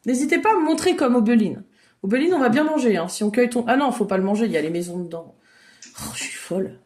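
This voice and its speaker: High-voiced woman leading a kids' drawing class. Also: quick pace. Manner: lively, encouraging, make-believe narration. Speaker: children's drawing workshop leader. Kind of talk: playful storytelling drawing lesson for kids. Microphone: video call.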